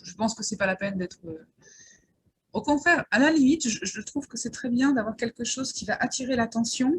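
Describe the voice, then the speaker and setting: A host leading a casual conversation in a measured way, with frequent hesitations and follow-up questions. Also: medium pitch, husky, low-quality recording.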